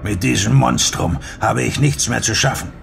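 A man's voice: medium pitch, normal speed. A man voicing a scratchy-voiced menacing stranger. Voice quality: scratchy, rough voice. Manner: growling, threatening. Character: gaunt wild-eyed man, menacing, grim.

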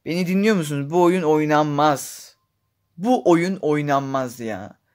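A man giving gameplay commentary, exasperated and complaining, swinging between tired muttering and loud outbursts. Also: on the high side, a little slow. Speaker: gaming YouTuber.

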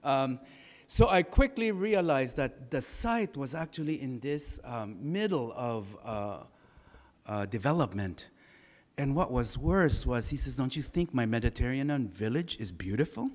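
In a big, echoing lecture hall, a middle-aged man with a baritone voice delivers an easygoing design talk on architecture, sharing anecdotes and often stalling on filler sounds.

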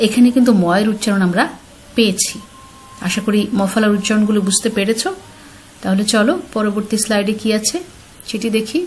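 A woman teacher giving a slide-based pronunciation lesson, speaking clearly and patiently and putting questions straight to her students. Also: mid-range voice, a little hiss or hum.

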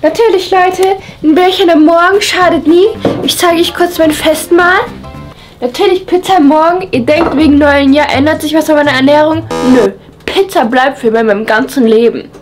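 A young woman with a high voice chats to her vlog camera in a playful, animated way. She is indoors at home, with music prominent behind her. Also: normal speed. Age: young adult. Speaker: vlogger. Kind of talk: casual chat to camera. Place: home kitchen and bedroom indoors. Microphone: handheld camera a short distance away.

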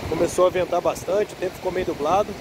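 A vlogger films a casual walking vlog on a handheld phone along a windy seaside boardwalk, chatting in a relaxed way and speaking to his viewers often. His voice is slightly high and quick, while loud surf, wind, and passing traffic roar around the phone mic.

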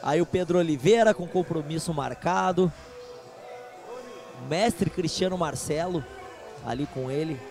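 A man's voice: on the high side, measured pace, long pauses, music in the background. A man with a Brazilian accent doing informal, slangy live commentary on an MMA fight.

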